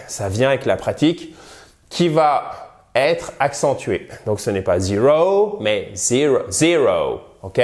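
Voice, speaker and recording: Male language teacher, measured slow delivery, mid-pitched, precise stress when modelling words. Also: darkish tone. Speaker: English teacher. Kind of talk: online language lesson.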